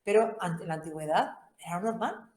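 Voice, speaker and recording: A woman's voice: on the low side, fairly quick, darkish tone. A woman with a Spain Spanish accent giving an informal Bible course talk, conversational and humorous, often tagging her sentences with questions. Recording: roomy echo.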